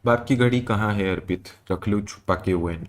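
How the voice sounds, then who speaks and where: A man's voice: lowish voice, moderate pace. A male livestreamer in casual chat, joking and reading out super chats, mixing in English phrases.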